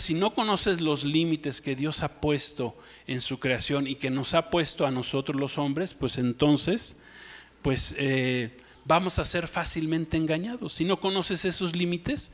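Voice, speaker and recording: A man's voice: a little high, big-room sound. A man preaching a sermon as pastor, asking rhetorical questions and often saying amen. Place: church.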